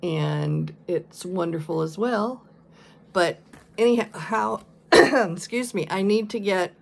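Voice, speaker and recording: A woman chatting casually as a vlog host, showing her stitching projects, with a relaxed, rambling manner and plenty of ums. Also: mid-range voice, vocal fry. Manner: slow, chatty, many ums and pauses. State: coughing and sneezing now and then. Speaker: flosstube vlogger. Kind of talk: casual show-and-tell chat.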